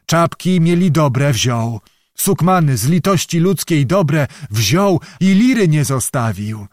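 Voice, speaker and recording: A man's voice: a little high, expressive, slow, a little mellow, dry recording, studio quality, voice pushed up. A man voicing a frightened, evasive old male beggar who plays the lyre, pleading in a Ruthenian peasant dialect. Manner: whining, pleading peasant speech.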